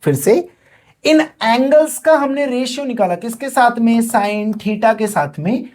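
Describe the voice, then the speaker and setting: A male teacher giving a classroom lecture, dictating key phrases slowly word by word and answering his own questions. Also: very high-pitched, animated, a little mellow.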